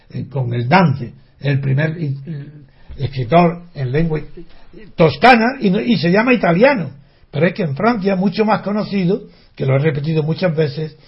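Indignant older man, high voice, lo-fi. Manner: indignant, rhetorical questions, frequent restarts. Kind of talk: opinionated spoken monologue. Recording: dull lo-fi recording.

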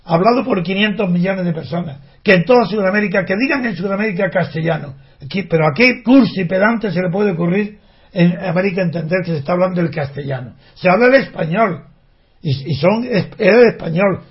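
Older man, high-pitched, holding forth indignantly in a monologue, lots of rhetorical questions and restarts, dull lo-fi sound. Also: a little fast. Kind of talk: opinionated spoken monologue. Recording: dull lo-fi recording.

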